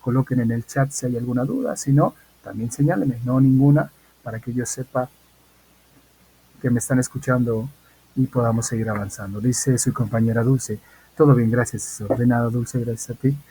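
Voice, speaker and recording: A man teaches an English lesson online, speaking into a computer mic like someone used to video calls. His voice is of ordinary pitch, mellow, and slightly husky and breathy, at a normal speed. He's patient, repeats key points, and keeps checking in with "¿ok?" to make sure students follow, though the audio quality is poor.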